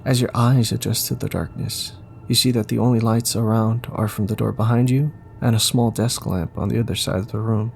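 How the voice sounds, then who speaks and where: A man with a lowish, steady, creaky voice narrates a scripted audio story in the second person at a fairly quick pace. Faint background noise and ambience sit behind him.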